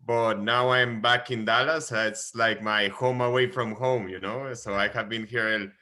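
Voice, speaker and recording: A Guatemalan man in his twenties, speaking with a Guatemalan Spanish accent, earnestly shares his story as a guest on a casual podcast, often repeating words while searching for phrasing. His voice is medium-pitched, steady, sharp in tone and measured in pace.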